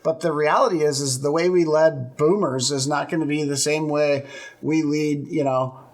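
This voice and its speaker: A man's voice: fairly high pitch, fairly even intonation, normal speed. Earnest middle-aged man explaining leadership. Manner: earnest, explanatory, builds points with rhetorical "right?". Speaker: podcast co-host. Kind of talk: conversational leadership talk.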